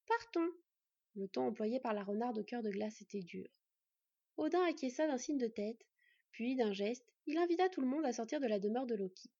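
A woman calmly narrating an audiobook in a steady reading voice, on a dull lo-fi recording. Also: on the high side, husky, no echo.

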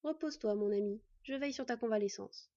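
A woman's voice: on the high side, fast talker, warm tone, no echo, lightly acted. A woman voicing a proud, aloof male elf who speaks curtly and with disdain, in a slightly muffled recording. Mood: gentle. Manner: curt and disdainful.

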